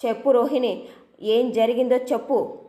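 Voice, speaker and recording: A woman's voice: fairly high pitch, normal speed, mellow, echoey room, close to an everyday voice. A woman voicing a stern older mother-in-law who interrogates her daughter-in-law, in a demanding tone. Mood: interrogating.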